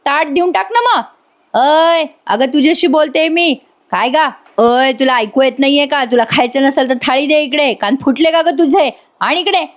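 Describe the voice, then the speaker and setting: A woman's voice: high voice, normal speed, pitched above the performer's own voice, natural voice. A woman voicing a bullying female prison inmate who taunts a silent fellow prisoner rudely. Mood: taunting. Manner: taunting, rude.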